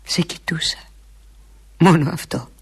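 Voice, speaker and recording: A woman performing a theatrical monologue as a lovesick woman pleading with an absent lover, intimate and often slipping into breathy half-whispers. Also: low-pitched, exaggerated voice. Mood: wistful.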